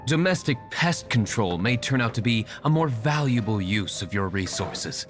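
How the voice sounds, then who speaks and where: An aloof young nobleman from a video game , played by a man. He is stern, formal and dry, with a medium-pitched voice that moves sharply in inflection over faint music. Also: normal speed, close to an everyday voice. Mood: dry sarcasm. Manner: curt, deadpan, formal.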